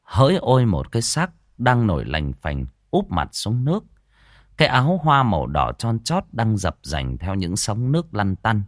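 A man, telling a village tale in a lively, folksy way. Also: on the low side, normal speed, no room sound, studio quality. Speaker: storyteller. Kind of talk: audiobook narration.

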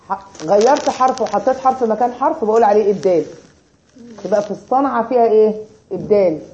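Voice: medium pitch, dark tone, dull audio, a little hiss or hum. A teacher with an Egyptian Arabic accent, explaining a grammar lesson and asking rhetorical questions to check understanding.

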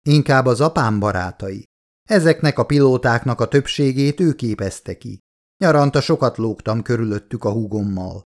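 A calm young woman polar guide, read by a male audiobook narrator explains the dangers with dry patience. Matter-of-fact and unflustered, she barely lifts her voice. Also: mid-range voice, natural voice. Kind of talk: audiobook character voice.

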